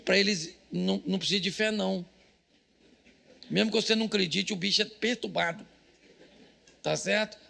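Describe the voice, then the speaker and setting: A middle-aged man with a Brazilian Portuguese accent preaches live in church, his fairly high voice full of gravel. He's bright and forceful, firing off jokes and calling out to the congregation with shouted punchlines. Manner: jokey, rapid-fire preaching with shouted punchlines and audience call-outs. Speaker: pastor.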